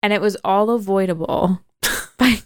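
A woman's voice: mid-range voice, measured pace, dry recording, clean studio sound. A woman podcast host casually retelling a movie plot, chatty and full of "like" and "kinda".

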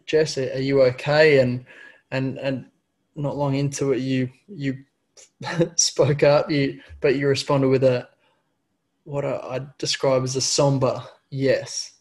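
A man's voice: mid-range voice, level tone, slow, a little mellow. A young man telling a personal story in casual chat. He stumbles and repeats words often as he talks.

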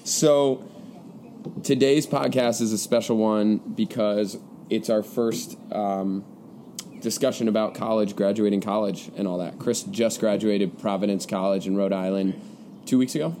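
A man's voice: lowish voice, steady tone, measured pace, mellow. A man in his twenties with a congested, stuffy nose, hosting a casual podcast in informal, upbeat slang. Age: 20s. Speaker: podcast host. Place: outdoors by a pool. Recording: outdoor recording with clear background noise. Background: birds, people and music.

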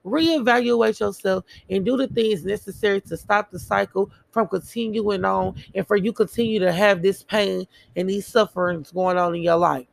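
Gravelly-voiced woman giving earnest motivation. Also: mid-range voice, moderate pace, hardly any pauses, dry recording. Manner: earnest, emphatic, repeats phrases for emphasis. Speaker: motivational speaker. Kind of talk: casual motivational monologue.

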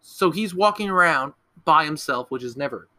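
A man's voice: fairly high pitch, animated, normal speed, pushed and bright. A young man casually recapping a horror movie on a podcast, rambling, swearing and correcting himself as he goes. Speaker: podcast co-host.

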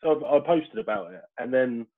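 A middle-aged man from Portsmouth with a Portsmouth accent, a podcast guest telling his story in relaxed casual chat and laughing easily. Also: mid-range voice, fairly quick. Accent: Portsmouth English. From Portsmouth, England. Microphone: video call. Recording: tinny phone-like call audio.

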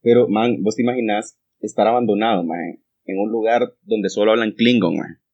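A young man, co-hosting a casual chat and telling animated stories full of crude slang. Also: lowish voice, normal speed, no echo, highs cut off.

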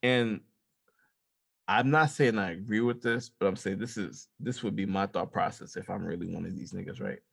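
A man's voice: lowish voice, normal speed, vocal fry, a bit bright, slightly rough. A man co-hosting a podcast, telling stories in a laid-back, profane, casual way. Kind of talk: casual chat.

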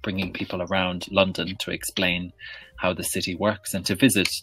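A man in his thirties with an Irish accent, chatting casually in an interview, laughing often and filling pauses with ums. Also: sits low, level tone, a bit bright, slightly rough, dry recording. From west of Ireland. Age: 30s. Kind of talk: casual conversation.

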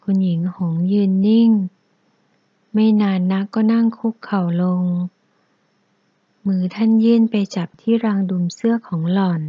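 Woman narrator, steady novel reading; dry, slightly dull audio. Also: mid-range voice, measured pace, no room sound. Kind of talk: reading a historical novel aloud.

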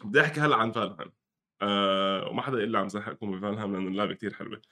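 A young man with a Lebanese Levantine accent talks gaming in a casual, conversational way. His voice sits a little low and he speaks very quickly, dropping English gamer terms into his Arabic. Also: sharp tone. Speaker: gaming commentator and guest.

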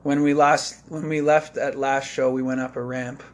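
A man co-hosting an event live stream in casual chat, joking with quick asides and slightly losing his voice. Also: medium pitch, flat delivery. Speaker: event co-host.

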